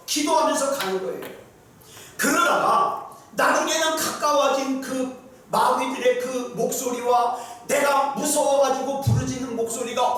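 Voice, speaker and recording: A man's voice: very high voice, fairly bright tone, slight background noise. A male pastor preaching a sermon, telling a story and firing rhetorical questions at the congregation. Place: church sanctuary. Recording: echoey sanctuary, mic far off.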